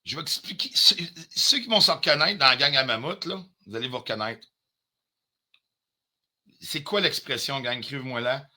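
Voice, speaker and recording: A man's voice: mid-range voice, expressive, normal speed, pushed and bright. A man with a Quebec French accent ranting on a live stream, confrontational and heated, swearing often and dropping in English phrases. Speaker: livestreamer.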